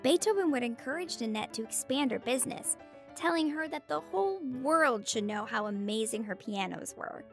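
A woman voicing a bright young girl explorer in a children's audio drama, explaining history facts in a clear storytelling way. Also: on the high side, animated, moderate pace, faint music behind.

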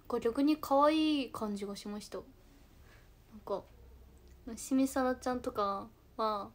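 Young woman from kochi, tosa dialect, fairly high voice, soft chatty livestream talk, slips into whispers. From Kochi, Japan. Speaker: idol livestreamer. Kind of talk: casual livestream chat answering comments.

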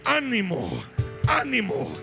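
A man preaching a sermon in an impassioned sing-song cadence that swells at times into shouts. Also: extremely high pitch, huge pitch swings, takes it slowly, vocal fry, over music.

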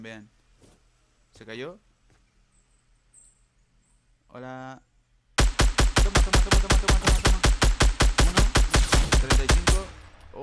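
A man giving live gameplay commentary, talking to his viewers and repeating words rapidly when excited. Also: medium pitch. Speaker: gamer.

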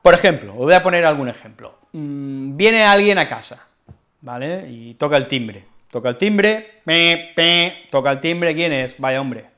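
Lively Spanish teacher from Spain. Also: male voice, fairly high pitch, a little slow. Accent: Peninsular Spanish. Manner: playful, acts out little dialogues with his brother. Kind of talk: casual explanatory lesson with acted examples.

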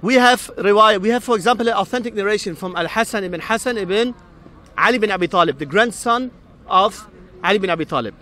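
A man in a lively street debate outdoors, addressing a crowd as brothers and sisters. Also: high voice, a little fast. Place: outdoors at a public park.

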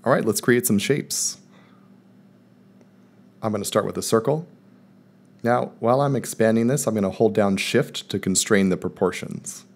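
A man calmly walking viewers step by step through a screen-recorded software tutorial, in voice-over. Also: lowish voice, normal speed, pauses often. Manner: calm step-by-step explaining. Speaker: math teacher presenting a tutorial. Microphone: voice-over recorded over screen capture.

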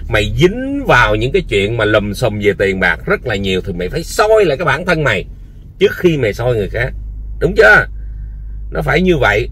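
A man's voice: very animated, fairly quick, slightly rough. Man doing a scolding direct-address rant, repetitive, keeps firing rhetorical questions. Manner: soft low-key product pitch. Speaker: online commentator. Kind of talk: heated personal rant to camera.

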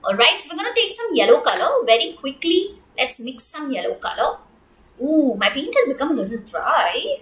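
High-pitched woman as kids show host. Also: moderate pace, slight background noise. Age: young adult. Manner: animated, coaxing, repetitive, addressing children directly. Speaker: preschool storytelling teacher, kids show host. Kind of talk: kids show host, sing-song presenting to small children. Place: small room indoors. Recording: echoey room.

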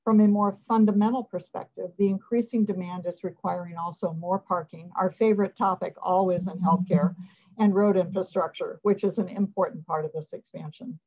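A middle-aged woman, a hospital president, giving prepared remarks at a media briefing over a video call from an office, measured and formal. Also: fairly low pitch, fairly even intonation. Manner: measured, formal, reading from notes. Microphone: video call webcam. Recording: dull lo-fi video call audio.

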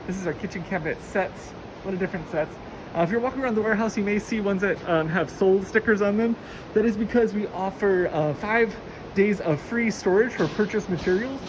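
Filmed on a handheld phone as she walks, a woman gives an easygoing, enthusiastic tour of a large warehouse, filling her chatter with fillers. She speaks a little fast at medium pitch, with noisy warehouse sound around her.

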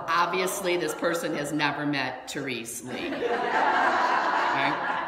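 A woman minister preaching from the pulpit in a chatty, storytelling way, her voice a little low for a woman. The sound is roomy, with a long hall reverb and a faint hum of ambience behind her. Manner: chatty, animated storytelling with asides. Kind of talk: sermon. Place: church sanctuary.

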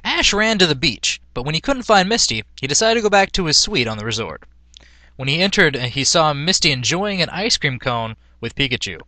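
This amateur fan fiction reader delivers the story with amused mock drama, frequently breaking into laughter. His voice is fairly high, sharp and sing-song, the pace is brisk, and the recording is dry.

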